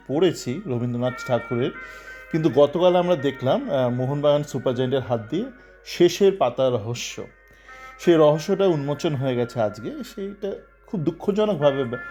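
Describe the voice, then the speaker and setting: A man talks through a football controversy in a loose, sarcastic ramble, full of fillers. His voice sits a little high, and he jumps into agitated, raised tones when he acts out what others said. Faint music plays behind him. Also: dark tone. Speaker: football commentator. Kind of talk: casual spoken commentary.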